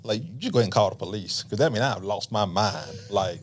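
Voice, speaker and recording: Man, low voice, middle-aged, relaxed counselor, explains patterns, chatty podcast guest. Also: a little fast. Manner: relaxed, explanatory, acts out couples' lines. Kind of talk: casual podcast conversation.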